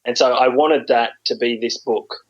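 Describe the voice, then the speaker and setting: A man's voice: medium pitch, fairly even intonation, moderate pace, muffled recording. Sarcastic, rambling man in podcast chat. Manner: sarcastic, rambling, frequent ums. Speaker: podcast guest.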